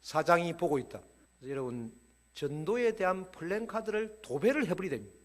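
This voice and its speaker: A man giving a playful, animated sermon-style lecture to a church audience. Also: sits high, brisk.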